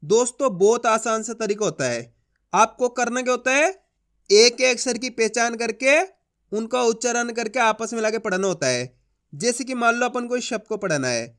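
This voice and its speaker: A man's voice: extremely high pitch, fairly bright tone, smooth. A young man teaching a Hindi reading lesson, repeating himself reassuringly and stretching each syllable as he sounds out words.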